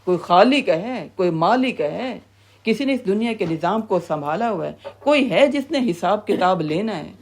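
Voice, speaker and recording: Animated woman teaching the Quran. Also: slight background noise. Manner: animated, rising to a high scolding pitch when quoting the gatekeeper; repetitive emphatic phrasing. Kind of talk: tafseer lesson.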